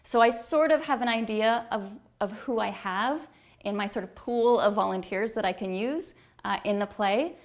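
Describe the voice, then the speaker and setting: A woman with a noticeably creaky, mid-pitched voice talks in an interview as a theatre director. She explains things conversationally and with enthusiasm. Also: normal speed. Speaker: tour director and playwright.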